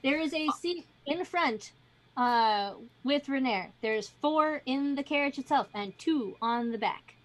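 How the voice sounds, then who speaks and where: A woman narrating casually as dungeon master, relaxed and halting, with many fillers. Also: sits high, rough recording.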